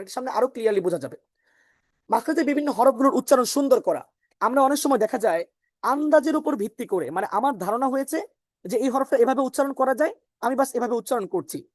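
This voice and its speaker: A woman's voice: a little high, darkish tone, dry recording, studio quality. A woman teaching an online class on Quran recitation, explaining patiently, repeating her points and asking the students questions.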